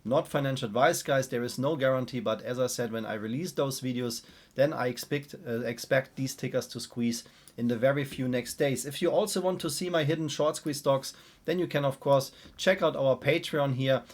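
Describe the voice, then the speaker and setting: A man's voice: mid-range voice, moderate pace. A man with a weak, strained voice gives unscripted stock chart commentary, often addressing his viewers directly. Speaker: stock trading YouTuber.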